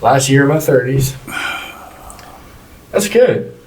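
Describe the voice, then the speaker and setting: An easygoing man in his late thirties, mid-pitched, rambles through stories from work and life. He sits a little away from the mic, so he sounds slightly distant. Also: expressive, extremely slow. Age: 30s. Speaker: podcast co-host. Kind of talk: casual chat.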